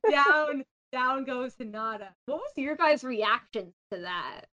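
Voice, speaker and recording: High-pitched woman on a podcast, gushy and excited, lots of likes. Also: takes it slowly, highs cut off, crowd noise. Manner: excitable, gushing, full of "like". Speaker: podcast host. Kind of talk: casual podcast chat.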